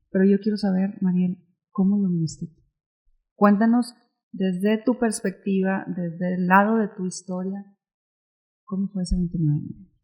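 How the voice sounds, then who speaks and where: A woman hosting an interview, warm and encouraging as she asks her questions. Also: mid-range voice. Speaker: interviewer host.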